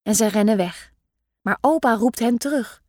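A woman reading a children's story aloud in a lively, expressive way. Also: fairly high pitch, moderate pace, no echo, clean studio sound. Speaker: storybook reader.

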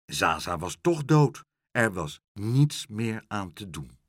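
A man's voice: lowish voice, big pitch swings, slow pace, dry recording, studio quality. A man reading a children's story aloud, acting out every line.

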